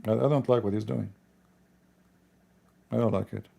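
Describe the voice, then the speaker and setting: A man with an Arabic accent, a native Arabic speaker, giving blunt, informal political commentary in halting, repetitive non-native English. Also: lowish voice, fairly even intonation, vocal fry, mellow. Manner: blunt, opinionated.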